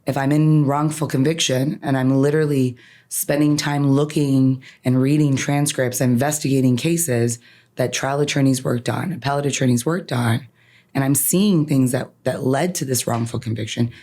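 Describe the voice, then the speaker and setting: Her pitch is extremely low, her tone warm, her pace moderate and her intonation fairly even. In a podcast interview, this attorney, raised in Canada with Farsi as her first language, reflects personally in an earnest, emphatic manner and frequently ends points with "right?"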